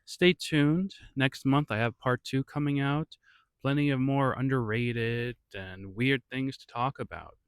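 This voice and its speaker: A man's voice: medium pitch, measured pace, clean tone, no echo. Guy narrating a retro review, dry close sound, wry sarcastic asides. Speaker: host.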